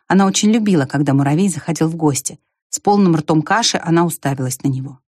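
A woman narrating a children's story in an expressive storytelling manner. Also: low voice, quick pace, no echo, studio quality.

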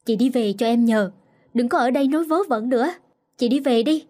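A woman's voice: fairly high pitch, brisk, close to an everyday voice. A woman voicing a young husband who speaks firmly and sharply to his sister, in a storybook reading. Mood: firm, angry. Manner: firm, pleading then sharp.

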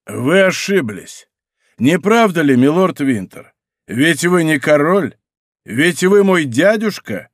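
A man's voice: a little high, big pitch swings, takes it slowly, no echo, clean studio sound, exaggerated voice. A man reading an audiobook, voicing a mocking young villain on horseback. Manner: mocking, taunting.

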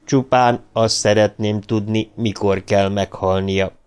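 A man reading the part of a loyal humanoid robot, calm and deferential. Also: fairly low pitch, clean tone, natural voice. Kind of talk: audiobook dialogue reading.

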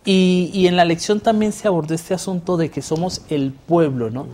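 A man hosting a relaxed Bible lesson discussion, chatting and asking leading questions. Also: high voice, moderate pace. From not from Mexico. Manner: conversational, asks leading questions. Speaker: host.

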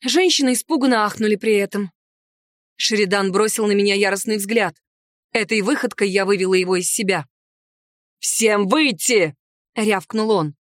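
A woman giving expressive first-person narration of a novel as an audiobook reader. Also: mid-range voice, dry recording, clean studio sound.

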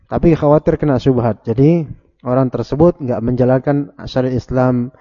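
A man's voice: medium pitch, fairly even intonation, normal speed, warm tone. A man teaching a religious study class in a conversational way, asking his listeners rhetorical questions and acting out quoted dialogue. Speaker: Islamic teacher. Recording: dull lo-fi lecture audio.

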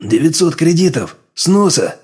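A man's voice: on the high side, sing-song, a little slow, darkish tone, slightly rough, voice pushed up, exaggerated voice. A male audiobook reader voicing the first-person hero, a blunt man who shrugs off danger. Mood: plain. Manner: plain, shrugging. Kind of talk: audiobook character voice.

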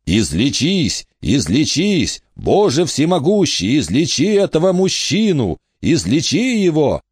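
A man voicing a desperate male faith healer who pleads and shouts commands at a wound. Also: lowish voice, huge pitch swings, extremely slow, slightly rough, no room sound, clean studio sound, heavily acted.

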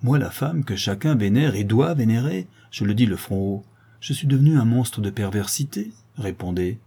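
A man's voice: mid-range voice, expressive, moderate pace, creaky, warm tone, slightly rough. A man reading an audiobook, voicing a proud, desperate noblewoman who pleads with her son in an impassioned, declamatory way. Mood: indignant.

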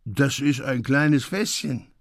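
A happy, dazed young fisherman, so drunk his words drag slow and drift into a little singsong, as a man puts him on for a radio story. The voice rises a touch above a plain reading voice, dry and close to the mic. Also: mid-range voice, creaky, no echo. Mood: drunk, blissful.

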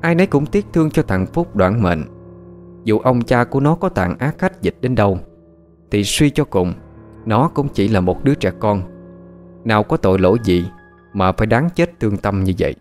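A man narrating a scripted horror story with lively, dramatic delivery. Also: fairly low pitch. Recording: faint music behind.

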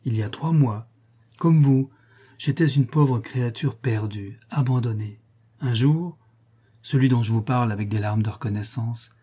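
Casting: soft earnest young woman, read by a man, mellow husky voice. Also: medium pitch, moderate pace, lightly acted. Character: gentle young woman, Fleur-de-Marie.

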